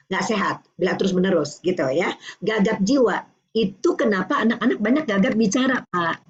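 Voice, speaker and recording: An older woman from Indonesia giving a lively parenting talk, acting out dialogues between a parent and a child. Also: mid-range voice, lo-fi sound. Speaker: parenting speaker.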